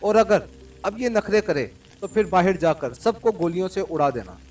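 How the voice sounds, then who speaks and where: A man's voice: high voice, normal speed, recorded from a distance. A man playing a cold, witty male secret agent. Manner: calm and cold, mocking laughter. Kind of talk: audiobook character reading.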